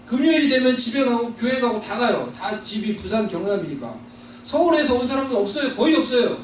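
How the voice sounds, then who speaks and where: A man from Seoul telling his own story in a sermon, earnest, with slow emphatic stretches. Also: extremely high pitch, sing-song, a little hiss or hum. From Seoul, South Korea. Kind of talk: sermon testimony. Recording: distant mic in echoey hall.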